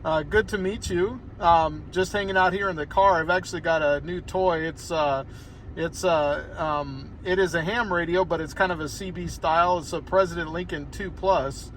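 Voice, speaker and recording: An American man, sounding like an amateur radio operator, chats casually and rambles a bit from inside a car parked outdoors on a hillside. His voice is a little high and a bit bright, with a steady tone and normal speed. There's slight background noise in this easygoing ham radio conversation.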